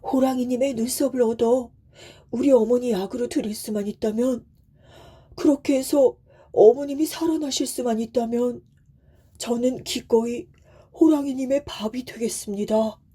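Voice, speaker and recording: A woman's voice: a little high, steady tone, moderate pace, darkish tone, husky. A woman voicing a devoted young son who speaks politely and pleads earnestly in a bedtime storybook. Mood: pleading.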